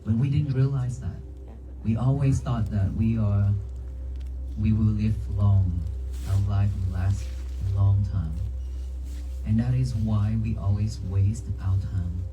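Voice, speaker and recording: Monk w/ vietnamese accent talking to a crowd, lowish voice, music going behind him. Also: male voice, steady tone, slow pace, poor audio. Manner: short phrases, asks the crowd questions. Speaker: Buddhist monk giving a talk. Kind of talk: dharma talk to a crowd. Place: outdoors by a church cemetery.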